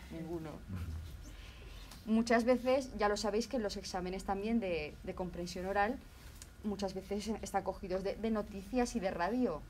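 A woman's voice: mid-range voice, a little mellow, a little hiss or hum. A woman from Spain with a Zaragoza accent, a language teacher giving a casual video lesson with many fillers and restarts. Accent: Zaragoza Spanish. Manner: chatty, many fillers and restarts, acts out examples.

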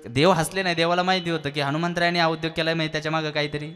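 A male preacher tells a devotional story in a fairly high voice. He keeps turning to his listeners with rhetorical questions. Faint music sits behind him. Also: very fast. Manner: lively, asks the audience rhetorical questions. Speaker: kirtan preacher.

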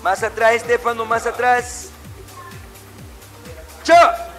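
His pitch is extremely high and his tone fairly bright, and he speaks slowly against soft background music. This middle-aged martial arts instructor runs a class on the matted floor of an indoor gym, calling out drills and corrections in short, commanding, repeated bursts.

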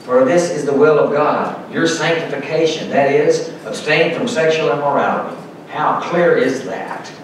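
A middle-aged male pastor with a slightly high voice keeps a steady tone and moderate pace as he earnestly emphasizes scripture in his sermon. He is at the pulpit inside a church sanctuary, recorded from a distance with echo and slight background noise.

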